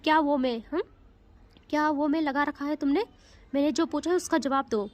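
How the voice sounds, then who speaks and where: A woman's voice: high-pitched, moderate pace, lightly acted. A woman voicing a stern, protective middle-aged father who asks demanding questions.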